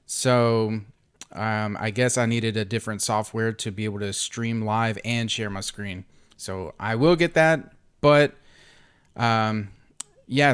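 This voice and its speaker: A man with a clean, smooth voice at a middling pitch makes an informal giveaway announcement as an online group host. His delivery is unscripted and halting, like casual talk to members.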